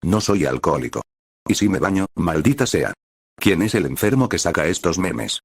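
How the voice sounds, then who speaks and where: A man's voice: sits low, sing-song, moderate pace, creaky, husky, dry recording, clean studio sound, full character voice. A man reading the lines of a bitter young male villain, grumbling and exasperated. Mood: fed up.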